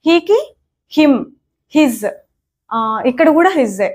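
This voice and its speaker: A woman's voice: sits high, expressive, slow, a little mellow. A young woman teaching grammar in a spoken lesson on her words, repeating points and often checking in with "okay?". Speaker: English teacher.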